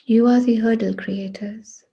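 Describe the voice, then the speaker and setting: This woman's guided meditation unfolds very slowly, short phrases separated by long silences. She sounds very husky and breathy, with a soft, mellow quality, a fairly high pitch, and a steady tone. Her hushed, deliberate delivery comes through a lo-fi recording.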